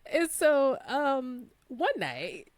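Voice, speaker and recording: A woman in her thirties, co-hosting a podcast, telling a story in a casual, animated way with relaxed phrasing and frequent laughter. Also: high voice, drawn-out words, no room sound. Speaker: podcast co-host.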